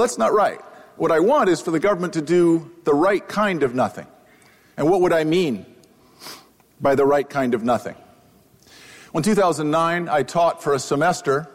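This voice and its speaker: A man giving a humorous public lecture as an economist, telling a self-deprecating story on stage with a microphone on. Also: fairly high pitch. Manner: wry, self-deprecating anecdotal delivery. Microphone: wearing a microphone. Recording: live talk with long hall reverb.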